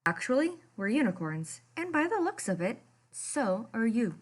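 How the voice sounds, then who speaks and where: Woman voicing a friendly, high, lilting storybook unicorn. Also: big pitch swings, normal speed. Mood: friendly, explaining.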